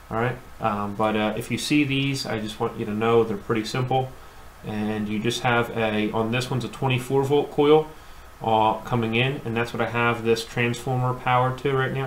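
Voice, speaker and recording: At his workbench, a male HVAC technician demonstrates hands-on, explaining things plainly, repeating himself, and using lots of fillers. His voice is mid-range with a fairly bright tone. The room is echoey, with a faint hum in the background.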